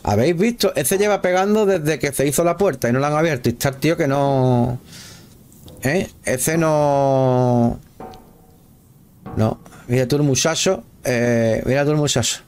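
A man talks his way through a video game in casual live commentary, his voice sitting a touch higher than most men's. He chats with viewers and shouts at enemies on screen. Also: measured pace. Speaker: gameplay streamer.

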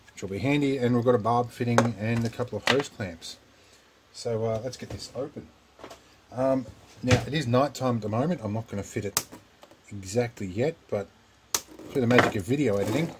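A man's voice: lowish voice, background noise. A middle-aged Australian man hosting a casual how-to vlog, chatty and rambling with wry asides. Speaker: repair channel host.

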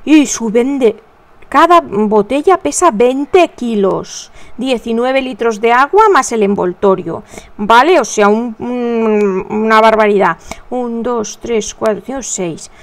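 Chatty high-voiced woman, crochet tutorial host, mutters stitch counts between stories. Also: lively intonation, slow pace. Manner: chatty, counts stitches under her breath, addresses viewers as "reinas".

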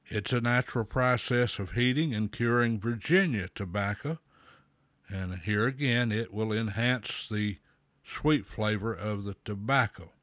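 A man talking slowly with a pipe in his mouth, a folksy host explaining at a measured pace with pauses. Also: fairly low pitch, fairly bright tone, dry recording. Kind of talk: slow, deliberate explainer talk.

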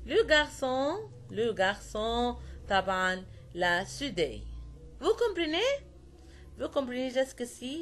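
A woman with an Egyptian Arabic accent teaching French to young students, repeating each word slowly and checking that they follow. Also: on the high side, big pitch swings, a bit bright, a little hiss or hum. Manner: patient, repeats words slowly and checks understanding.

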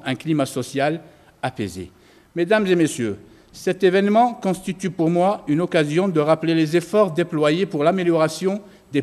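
A man's voice: a little high, a little mellow. A man in his forties reading a formal prepared speech at a lectern with a cluster of press microphones, speaking as a ministry official in a large hotel banquet hall. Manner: reads from notes in a measured official cadence.

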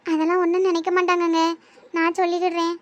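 A woman's voice: very high-pitched, completely flat delivery, quick pace, dry recording. A woman voicing a shy young village bride-to-be who gives hesitant, short replies in a Tirunelveli accent, for a comedy cartoon. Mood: quiet. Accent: Tirunelveli Tamil. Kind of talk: cartoon voice acting.

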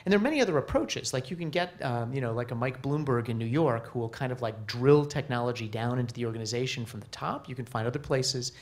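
A middle-aged man speaking on a conference panel stage into a handheld mic, casual and animated, with many fillers and restarts. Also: mid-range voice, fast talker, hardly any pauses. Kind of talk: panel discussion.

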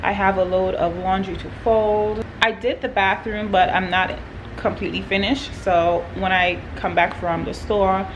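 A woman's voice: mid-range voice, little pitch movement, normal speed. Chatty woman vlogging to a handheld camera. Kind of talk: casual day-in-the-life vlog. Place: home kitchen and car. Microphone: phone or camera held at arm's length. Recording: noisy background, car air conditioning.

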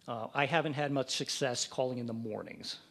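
A man's voice: mid-range voice, brisk, vocal fry, a bit bright. A man from the Mid-Atlantic United States giving a practical training talk, acting out sample phone calls. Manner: practical, plain-spoken, role-plays phone calls. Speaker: fundraising trainer.

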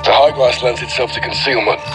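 An actor playing a gruff, defiant middle-aged special forces captain in a game cutscene, speaking in terse, blunt phrases. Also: male voice, mid-range voice, fairly even intonation, a little fast, over music, lightly acted, low-quality recording. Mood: measured. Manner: blunt, terse, hard-bitten. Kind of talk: cinematic game acting.

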